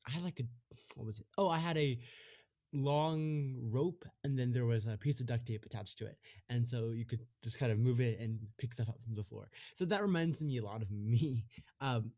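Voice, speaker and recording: A young man hosting a podcast interview, asking questions in a friendly, slightly halting way. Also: mid-range voice, dark tone. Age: young adult. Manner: friendly, a bit halting, with fillers.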